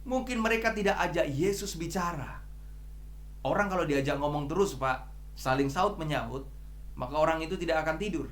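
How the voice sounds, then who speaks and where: A man preaching a sermon as pastor, swinging between loud emphatic exhortation and soft pleading. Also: fairly high pitch, brisk, reverberant. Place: church.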